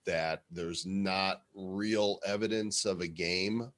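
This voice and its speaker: Low-voiced man co-hosting a casual show. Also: steady tone, slow pace, fairly bright tone. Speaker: co-host of a show about NFT art. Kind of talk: casual live show chat.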